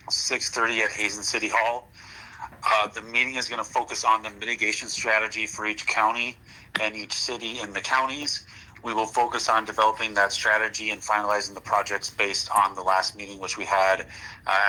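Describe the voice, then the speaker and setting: A man in his thirties from North Dakota comes through a speakerphone into the room. His voice sits low but sounds very bright and edgy. He walks through a planning update in a plain, businesslike way. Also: rough recording. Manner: plain, matter-of-fact, working through points. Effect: heard over a speakerphone in the room. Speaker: regional planner giving an update. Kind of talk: businesslike update at a public meeting.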